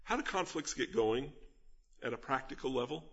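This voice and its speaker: Husky-voiced preacher teaching scripture earnestly. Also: male voice, medium pitch, animated, moderate pace, a bit bright, highs cut off. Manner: earnest, emphatic teaching with rhetorical questions. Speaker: pastor. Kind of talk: expository sermon.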